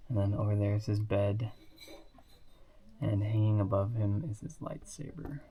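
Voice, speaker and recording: In a fairly low, mellow voice at a moderate pace, a hobbyist who sounds sick and sniffly reviews toy building sets in a loose, rambling show-and-tell packed with fillers and tangents. The recording is low quality, with slight background noise.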